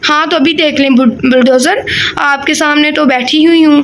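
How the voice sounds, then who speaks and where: A woman's voice: high-pitched, steady tone, a little hiss or hum, natural voice. A woman voicing a cheeky young bride-to-be. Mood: teasing. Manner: teasing, quick retorts.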